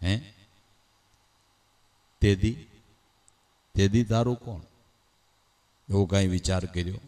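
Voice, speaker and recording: A man's voice: low voice, takes it slowly, dark tone. A man giving a devotional discourse at a night gathering, telling the story in a dramatic, rising and falling voice, singing verses in between and asking rhetorical questions. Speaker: devotional storyteller and bhajan singer. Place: night gathering, live event.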